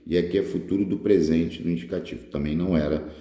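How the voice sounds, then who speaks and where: A man's voice: deep voice, fairly even intonation, fast, warm tone. A man from Brazil, an exam prep teacher going through test answers in an informal way, drawing words out and checking in with short questions. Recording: echoey room, long reverb.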